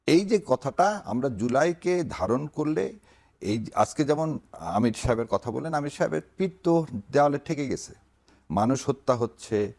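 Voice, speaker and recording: A man with a mid-range, darkish voice appears as a political guest on a talk show. He opens by greeting viewers formally, then mocks the way his opponents phrase things.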